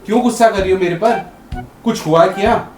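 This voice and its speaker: A man's voice: high-pitched, fairly quick, roomy sound, soft background music. A man arguing with his wife at home, repeatedly demanding to know what went wrong. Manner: argumentative, keeps asking what happened. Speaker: husband in a staged prank. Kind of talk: casual domestic argument.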